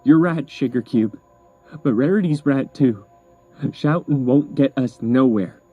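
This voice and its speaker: A man's voice: medium pitch, unhurried, highs cut off, soft background music, lightly acted. A man voicing a sensible, folksy farm pony mare who speaks plainly. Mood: earnest.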